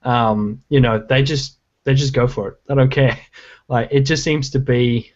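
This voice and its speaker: A man jokes and teases his co-hosts on a casual podcast over a video call. His reactions come quick and his voice sits at a middle pitch. The call audio is dull and lo-fi. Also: fairly even intonation, a little mellow. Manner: joking, quick reactions, teasing. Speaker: podcast co-host.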